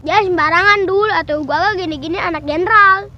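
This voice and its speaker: A woman's voice: extremely high pitch, a little fast, muffled recording, a little hiss or hum. A woman playing a whining, boastful youngster in a comedy skit, with a Jakarta Betawi accent. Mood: grumbling. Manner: complaining, boastful.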